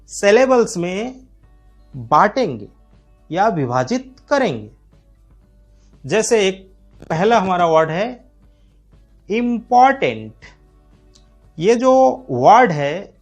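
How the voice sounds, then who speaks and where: An Indian man gives an English reading lesson with a high, lively voice that rises and falls a lot. He talks slowly and stretches out each English term. Soft music plays behind him. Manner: slow, drawn-out delivery of English terms. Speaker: English teacher. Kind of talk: explanatory lesson.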